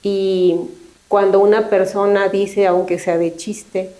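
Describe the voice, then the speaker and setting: A middle-aged woman speaks as a guest in a conversational interview. Her tone is soft and mellow, sitting at an ordinary middle pitch. She talks in a reflective, unhurried way and often pauses to check in with a quick tag question. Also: little pitch movement, low-quality recording. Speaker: thanatologist guest.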